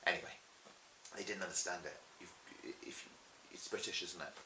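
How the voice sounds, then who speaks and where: The speaker, a middle-aged pantomime dame and cabaret performer from Swansea, Wales, chats with an interviewer in a low Welsh voice at normal speed. His storytelling is lively and chatty, with quotes acted out, over a roomy echo and faint hiss.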